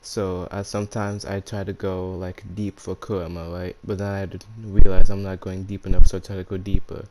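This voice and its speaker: A man's voice: low voice, level tone, fairly quick, hardly any pauses, dark tone, a little hiss or hum. A man with a speech impediment that turns his R's into W's, hosting and narrating fan fiction in a casual, slangy way. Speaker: YouTube storyteller and channel host.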